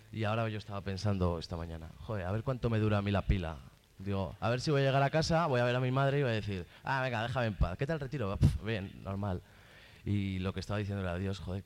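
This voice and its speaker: A young man with a Spanish accent from Spain gives a rambling, colloquial and heartfelt religious testimony at a retreat. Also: lowish voice. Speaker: retreat participant giving testimony.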